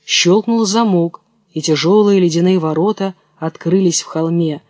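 A man with a fairly high voice reads a fairy tale aloud in a calm, even way. The sound is close and dry, with no room around it. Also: normal speed, dry recording. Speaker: narrator. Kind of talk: storybook narration.

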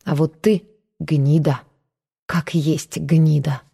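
A woman voicing an elderly aunt who speaks in a hushed, slow, rasping way, read in an audiobook. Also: sits low, steady tone, full character voice. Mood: spiteful. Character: old aunt, bitter and hissing.

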